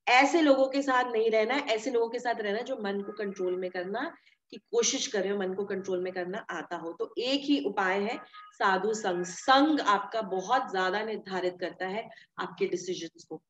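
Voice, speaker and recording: A woman's voice: mid-range voice, normal speed, slight background noise. A woman giving a devotional scripture talk, explaining with everyday examples, repeating key phrases and mixing English words into her speech. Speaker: scripture teacher. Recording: echoey room, dull lo-fi sound.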